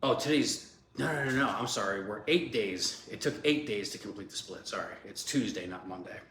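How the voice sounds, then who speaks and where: Here a man in his forties who makes fitness vlogs talks briskly in a rambling, casual way, full of fillers and stuffed up from a cold. The voice is lowish and a touch bright, and the recording has room echo plus a faint hum.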